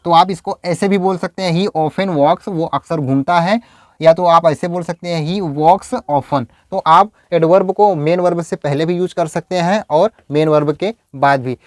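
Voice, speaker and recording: A man teaching English in a video lecture, explaining step by step and saying example sentences slowly. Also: a little high, steady tone, no room sound, clean studio sound.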